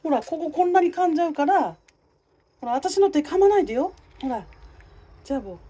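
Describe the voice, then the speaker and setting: A woman's voice: high voice, lively intonation, a little fast, dark tone. A woman chatting to a neighborhood cat while filming it on a phone outdoors, coaxing and teasing it. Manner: chatty, coaxing, talks to the cat in a sing-song voice.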